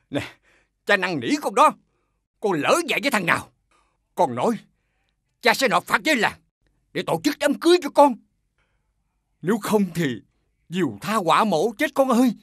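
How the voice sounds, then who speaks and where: A middle-aged man playing a widowed village father who scolds loudly and wails laments melodramatically, over faint music. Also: high-pitched, sing-song, moderate pace, long pauses, slightly rough, no room sound, studio quality, heavily acted. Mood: lamenting.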